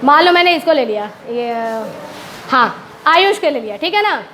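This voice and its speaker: A woman teacher with a strikingly high voice walks her pupils through one example after another. She repeats each point and keeps checking that the class follows, over faint background noise in the classroom. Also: very animated, moderate pace, sharp tone. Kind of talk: classroom lesson explaining proverbs.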